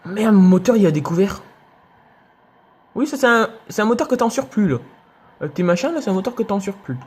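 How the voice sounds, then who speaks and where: A young man giving excitable let's play commentary, yelping and laughing at enemies. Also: high-pitched, brisk, slight background noise. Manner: excitable, shouts and yelps at enemies, laughs often. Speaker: gaming youtuber.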